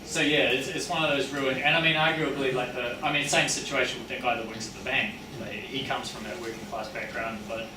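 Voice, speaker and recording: Echoey, distant New Zealand bloke with tradie talk. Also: male voice, medium pitch, steady tone, a little fast, few pauses. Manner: talks like a working-class tradesman, matey and colloquial; rambling, self-correcting. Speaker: speaker giving a public talk on his research and book. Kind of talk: informal public lecture with audience questions. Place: indoor public venue with audience. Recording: echoey room, distant mic, clearly noisy.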